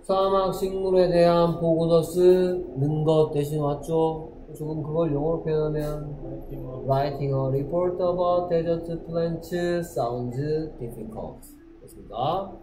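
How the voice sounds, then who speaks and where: A man teaching an English lesson to middle school students. He keeps checking that the class is following, and he reads the English sentences out slowly. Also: fairly high pitch, mellow, reverberant, slight background noise, poor audio. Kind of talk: classroom lecture.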